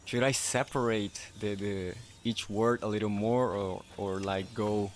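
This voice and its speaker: A man streaming a game in casual chat, speaking careful non-native English, halting and self-correcting, laughing often. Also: on the low side, steady tone, background noise.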